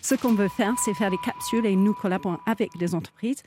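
A woman in her fifties with an English accent, giving an earnest business pitch in French. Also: fast talker, noisy background. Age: 50s. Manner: earnest, fluent with slight hesitations. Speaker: entrepreneur pitching.

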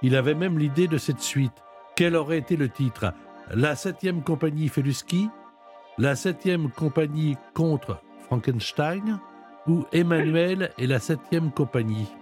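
A man hosting a radio show, presenting a quiz question and interviewing a guest in a brisk, lively way. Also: on the high side, soft background music. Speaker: radio host running a quiz.

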